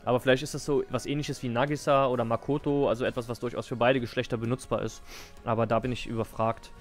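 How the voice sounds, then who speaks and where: A man in his twenties streaming a game, chatting casually in soft, rambling asides with restarts. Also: mid-range voice, little pitch movement, fast talker, faint music behind. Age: 20s. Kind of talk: casual live-stream chat.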